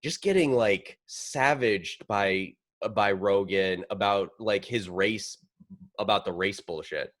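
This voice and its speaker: A man co-hosting a casual podcast chat, talking haltingly with lots of restarts. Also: lowish voice. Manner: halting, many fillers and restarts. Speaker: podcast co-host.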